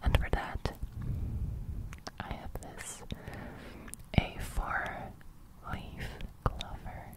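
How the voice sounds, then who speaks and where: Very near a large studio mic, a young woman ASMR host whispers in a slow, soothing, reassuring roleplay. A breathy crackle in her whisper slips at times into soft speech.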